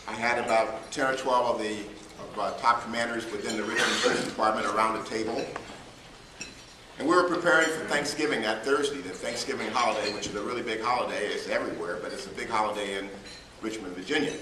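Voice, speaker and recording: A middle-aged man, a former police chief, telling stories from his career in a measured, anecdotal way to a club audience. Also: fairly low pitch, background noise. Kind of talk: storytelling talk to a club audience. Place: hall at a club luncheon. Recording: roomy hall, mic at a distance.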